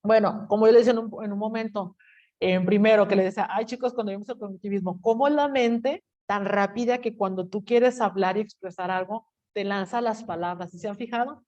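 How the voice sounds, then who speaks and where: A woman teacher, giving a lively classroom lecture and acting out what students might say. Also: mid-range voice, a little fast. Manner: animated, acts out student quotes. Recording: dull lo-fi classroom recording.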